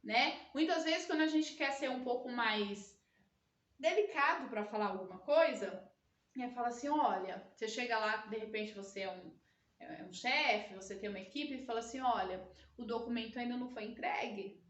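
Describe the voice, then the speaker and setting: Brief: teacher, a woman with a high voice, patient and explanatory, recorded in an echoey room from a distance. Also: lively intonation, moderate pace, fairly bright tone. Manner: explanatory, constantly checks in with listeners. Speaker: Portuguese teacher. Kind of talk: recorded grammar lesson.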